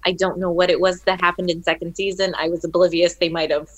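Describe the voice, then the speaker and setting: A woman's voice: fairly low pitch, flat delivery, fast talker, poor audio. A woman telling stories as a guest in a casual interview, chatty, with many restarts.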